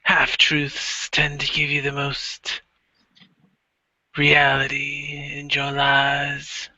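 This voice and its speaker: Scheming old vampire patriarch, slow and gravelly, bright edge, a man voicing him. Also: medium pitch, completely flat delivery, no room sound, heavily acted. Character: elder vampire father, calm, scheming, older man. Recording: dull lo-fi recording.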